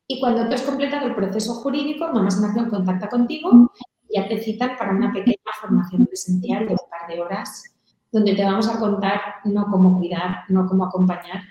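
A woman's voice: mid-range voice, mellow. Earnest woman in a very echoey room. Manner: earnest, storytelling, acts out children's voices. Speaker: founder of a volunteer mothers' group, guest. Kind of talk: conversational interview answers.

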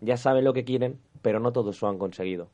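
A man's voice: medium pitch, quick pace, dark tone. A man chatting casually as a podcast co-host, blunt and swearing freely. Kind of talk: casual chat reviewing a TV series. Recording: dull lo-fi sound.

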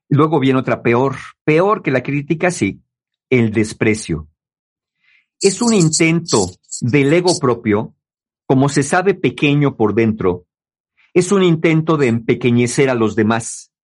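Lively man explaining to listeners. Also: mid-range voice. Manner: lively, acts out quoted people in mocking voices. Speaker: host giving relationship advice.

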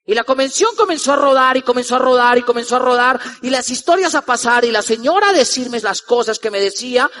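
A young Colombian man in his twenties telling a lively personal story to a live audience as a motivational speaker, acting out the people in it. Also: extremely high pitch, fast talker, hardly any pauses. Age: 20s. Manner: animated, acts out the voices of the people in his story.

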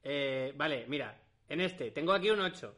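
A man's voice: on the high side, expressive, normal speed, bright, forceful tone. A young man co-hosting a podcast, chatting casually and telling jokey anecdotes. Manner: jokey, tells anecdotes with laughs. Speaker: podcast co-host. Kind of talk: casual chat.

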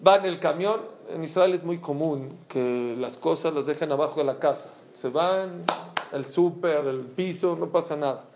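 A man's voice: a little high, a little hiss or hum. A middle-aged man, a religious speaker telling a story and acting out the people in it. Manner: animated, acts out characters' voices. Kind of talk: storytelling talk with acted quotes.

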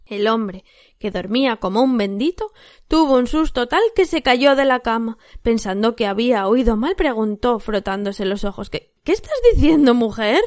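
A woman storyteller giving a measured, expressive narration of a fairy tale. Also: a little high, no room sound, clean studio sound.

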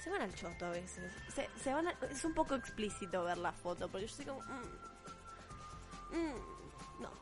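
A woman's voice: medium pitch, sing-song, fast, few pauses, music in the background. A teenage girl with an Argentine accent, ranting to camera in a blunt, profane and sarcastic way. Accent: Argentine Spanish. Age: teens. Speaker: vlogger. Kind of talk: opinion rant to camera.

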